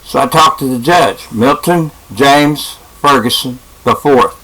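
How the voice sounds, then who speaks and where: Man, 50s, casual halting storyteller, mid-range voice, webcam. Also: medium pitch, noisy background. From West Virginia. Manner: halting, with frequent uh fillers and restarts.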